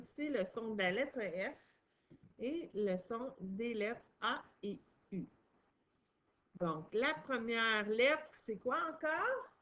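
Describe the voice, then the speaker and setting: A woman's voice: a little high, a bit bright. A woman teaching a young child to read, patient and encouraging, stressing each sound and syllable. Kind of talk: reading lesson for a young child.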